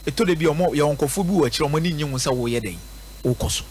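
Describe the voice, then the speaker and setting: On live radio, a Ghanaian-accented pundit delivers emphatic football commentary in a blend of local language and English, hammering his points through repetition. His voice is a little high and quick, with slight background noise.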